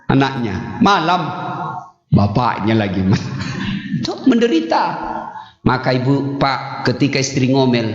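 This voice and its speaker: Brief: middle-aged male preacher, animated high voice, echoey dull hall recording. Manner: lively, joking, quizzes the audience. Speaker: Islamic preacher. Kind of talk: humorous sermon.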